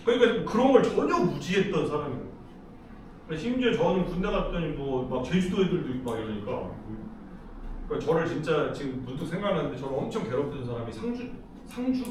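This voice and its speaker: Very animated and quick, a middle-aged man from Seoul lectures in a slightly high voice, chatting casually and laughing often as he tells stories. The recording comes from a distance, off-mic in an echoey hall with a noisy background.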